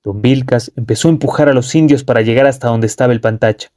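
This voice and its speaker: A man reading a short story aloud as an audiobook narrator, steady and measured. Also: mid-range voice.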